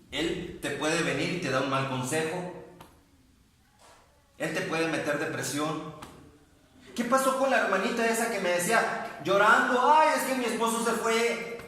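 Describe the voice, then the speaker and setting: A male pastor preaching with fervor, often slipping into pleading, prayerful speech. His voice is high and bright. He sounds distant from the mic, with long reverb from a large echoing hall. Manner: fervent, pleading prayers acted out aloud. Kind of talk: sermon.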